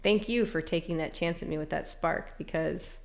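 Gravelly-voiced woman sharing candidly. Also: fairly low pitch, moderate pace. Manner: candid, reflective, laughs easily. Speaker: interview guest. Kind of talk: casual emotional interview.

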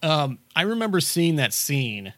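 A man's voice: a little high, big pitch swings, unhurried, a bit bright, no room sound. A man casually talking through a film as he watches it, rambling with lots of fillers and restarts. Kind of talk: casual movie commentary chat.

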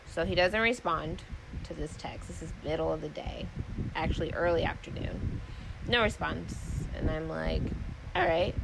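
A woman's voice: sits low, moderate pace, vocal fry, noisy background. A young adult woman casually retelling a story, candid and profane, acting out both sides of phone calls in slangy, exasperated talk.

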